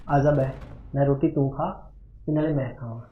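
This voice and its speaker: A man's voice: mid-range voice, steady tone, brisk, lightly acted. A man playing a menacing, controlling husband. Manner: menacing, commanding. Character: controlling, threatening young husband. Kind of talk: amateur family drama acting. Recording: dull, roomy recording with faint music.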